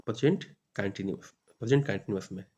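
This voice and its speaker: A Hindi-speaking man with a lowish, slightly mellow voice gives an exam-prep grammar lesson. He reads the English questions slowly, then explains them in Hindi, often saying "ठीक है".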